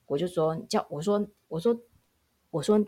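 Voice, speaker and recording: A woman, a public health nurse telling work stories in a casual podcast chat, animated and emphatic. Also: lowish voice, normal speed.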